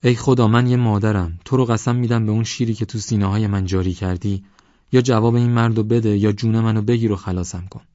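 A man's voice: fairly low pitch, darkish tone, dry recording, natural voice. A man voicing a desperate village mother who pleads and cries out shrilly. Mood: desperate, pleading. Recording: dull lo-fi audio.

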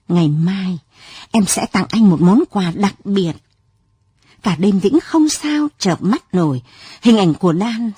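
Female narrator, lyrical late-night story reading, lively pitch, warm husky tone. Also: no echo. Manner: soft, lyrical, unhurried reading.

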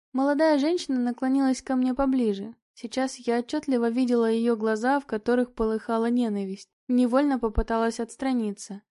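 A woman narrating a novel in the first person, in a steady, expressive reading. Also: on the high side. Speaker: audiobook narrator.

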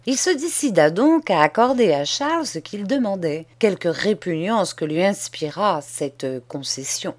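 A woman narrating a children's novel as an audiobook reader, in a measured storytelling manner. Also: medium pitch, animated.

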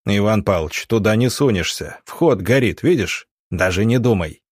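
A man voicing a gruff, curt army captain. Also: lowish voice, animated, moderate pace, no echo, clean studio sound. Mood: urging. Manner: curt, urgent commands.

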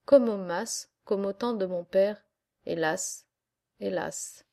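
A woman reading a literary audiobook in a measured, deliberate way. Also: mid-range voice, dark tone. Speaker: audiobook reader.

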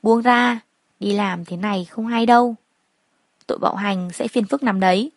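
Give me a wealthy, cool-headed young man who speaks calmly and firmly, with a hint of mockery, as a woman narrator puts him on. His protective streak shows in the steady way he talks, and the voice is dry and close. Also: medium pitch, moderate pace, no room sound, close to an everyday voice. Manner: calm, firm, faintly mocking.

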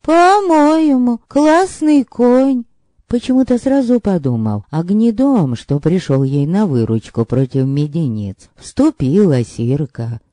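Slow, dark-voiced male narrator. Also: on the high side, no echo, studio quality. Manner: expressive, acts out characters. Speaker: audiobook narrator. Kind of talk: scripted narration.

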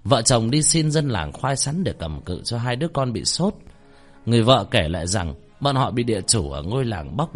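A man telling a ghost story about a cursed village, with dramatic delivery. His voice rises and falls with a lively, wide range of pitch. Faint music plays behind him. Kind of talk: spoken ghost story narration.

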